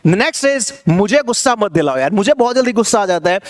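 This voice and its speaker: A man teaching spoken English, explaining quickly and then repeating each phrase slowly for learners to say along. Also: sits high, lively intonation. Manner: quick conversational explanations between drills.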